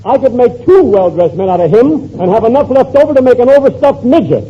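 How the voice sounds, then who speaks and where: An actor playing a pompous, irritable bald professor of fashion in 1940s radio comedy, with florid vocabulary. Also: male voice, very high voice, lively intonation, a little fast, husky, full character voice. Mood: scornful. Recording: muffled old radio recording, faint noise.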